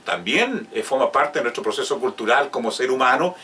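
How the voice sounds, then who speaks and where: An older man hosting an interview, speaking haltingly with many fillers and addressing viewers directly. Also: mid-range voice, animated, sharp tone. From Chile. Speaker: host of community interview. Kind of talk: informal interview. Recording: distant mic with faint ambient noise.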